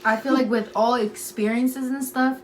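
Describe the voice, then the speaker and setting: A young woman vlogging, chatting casually with her sister and telling lively stories full of "like". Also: on the high side, moderate pace, slight background noise, low-quality recording. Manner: chatty, many "like"s, lively storytelling. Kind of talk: casual sibling chat.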